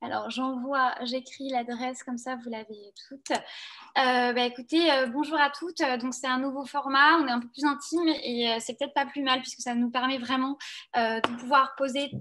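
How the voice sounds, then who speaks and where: A woman's voice: high-pitched, fairly even intonation, moderate pace, bright, forceful tone. A woman career coach presenting a webinar over a video call, talking loosely with many fillers.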